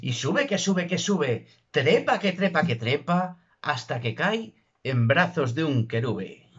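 Man reciting comic verse, theatrical, lively swooping pitch, slow, dull muffled recording. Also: husky. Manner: dramatic, slow and declamatory. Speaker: narrator.

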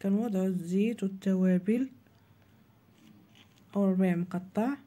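A woman's voice: medium pitch, normal speed, warm tone. A woman with a Moroccan Arabic accent, hosting her cooking channel and explaining a recipe step by step to viewers. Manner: plain, instructive, addresses viewers directly. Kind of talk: cooking tutorial voice-over.

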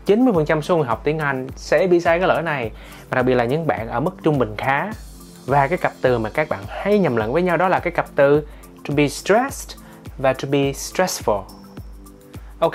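A man teaching English in a chatty vlog, often checking that listeners follow him. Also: mid-range voice.

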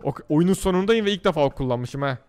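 A man narrates his gameplay in a quick, excitable stream, talking to himself and to the game as he plays. His voice sits high for a man. Faint music plays underneath. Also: smooth. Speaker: gaming YouTuber. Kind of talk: live gameplay commentary.

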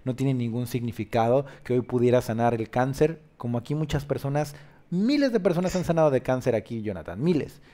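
A man speaks as a spiritual counselor, in a steady mid-range voice. He drives his points home insistently, checking in with rhetorical questions. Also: medium pitch, fairly quick. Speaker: host giving spiritual guidance.

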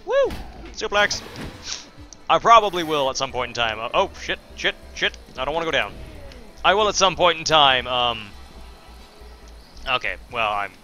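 A man chatting loosely through a video game playthrough, with a very bright, sharp-edged tone and lots of ums and uhs. Faint game music plays behind him. He pokes fun at his own skills as he goes. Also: medium pitch, expressive, moderate pace. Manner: rambling, self-deprecating, many fillers. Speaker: let's play host. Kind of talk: casual gameplay commentary.

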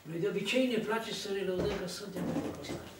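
An older Romanian man with a high-pitched voice preaches a sermon at a lectern in a church hall, telling stories, acting out the quoted dialogue of the people in them, and gesturing widely. A far-off camera mic records the echoey hall with a little hiss or hum.

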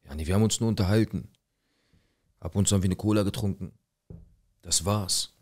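A man's voice: deep voice, brisk, a little mellow, dry recording, clean studio sound. A young man telling a personal story in casual street slang, acting out quoted dialogue. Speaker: guest telling his life story.

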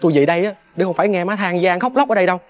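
A man's voice: sits high, close to an everyday voice. Young man playing a defiant hot-headed son. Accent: Southern Vietnamese. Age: young adult. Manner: curt, defiant, rapid. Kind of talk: TV crime reenactment drama.

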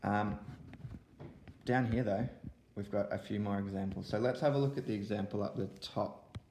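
A man's voice: lowish voice, fairly even intonation, normal speed, darkish tone, roomy sound, slight background noise. A young man teaching an online lesson to young pupils from home, explaining step by step into a laptop webcam. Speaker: primary school teacher. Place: room at home.

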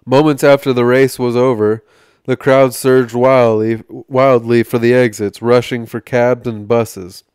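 A man hosting a podcast, reading a magazine article aloud in a measured way, with small slips and restarts. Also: mid-range voice, flat delivery, a little mellow, smooth, no room sound, clean studio sound.

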